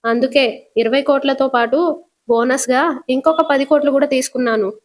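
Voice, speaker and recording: Mocking male crook betraying his partner, read by a woman narrator, higher voice than you'd expect. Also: steady tone, moderate pace, natural voice. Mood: gloating. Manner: mocking, taunting. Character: scheming male kidnapper villain, gloating.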